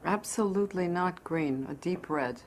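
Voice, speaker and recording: A woman playing a brisk, firm mother. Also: lowish voice, darkish tone, slight background noise, lightly acted. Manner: clipped, matter-of-fact. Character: brisk middle-aged mother, practical and firm.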